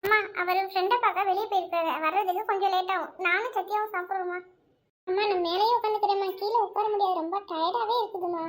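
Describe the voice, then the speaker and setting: A woman's voice: very high-pitched, steady tone, fast. A woman voicing a newly married young daughter who feels tired and unwell, in a home family drama where she plays every role. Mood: weary. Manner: weary, soft-spoken. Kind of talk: home family drama, one narrator voicing all roles.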